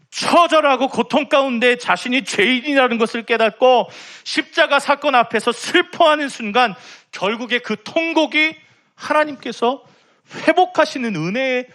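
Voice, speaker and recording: A man's voice: very high-pitched, a bit bright. A young man preaching a sermon in a church, impassioned and rising to emphatic pleading. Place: church sanctuary.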